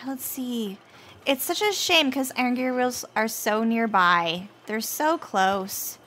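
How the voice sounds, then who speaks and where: A woman's voice: fairly high pitch, expressive, fairly bright tone. A woman co-hosting a game session, chatting casually and getting exasperated at lag. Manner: chatty, slow, easily exasperated. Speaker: co-host and player. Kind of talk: casual gaming chat.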